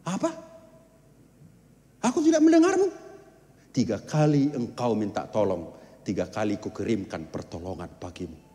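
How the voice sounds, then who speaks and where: A man doing an exasperated God, indignant, lively pitch swings, echoey hall. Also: normal speed, close to an everyday voice. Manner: indignant, rebuking. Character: exasperated God answering a complaint.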